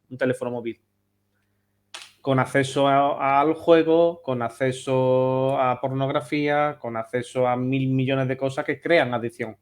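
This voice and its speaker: A man from Spain with a Spanish accent, a therapist speaking passionately and emphatically as a guest on a remote interview. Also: medium pitch. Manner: passionate, emphatic, repeats phrases.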